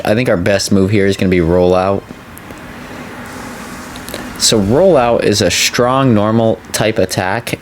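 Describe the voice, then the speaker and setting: Low-voiced gamer guy, sore mouth after dental work. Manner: talking carefully with a sore mouth after wisdom tooth removal. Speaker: video game let's player. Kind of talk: casual gameplay commentary. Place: indoor voice-over recording.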